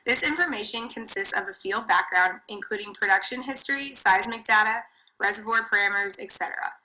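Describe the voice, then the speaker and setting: A woman's voice: mid-range voice, brisk, pushed and bright, slight background noise, low-quality recording. A young woman from Texas, a student reading a formal class presentation in a plain, listing way.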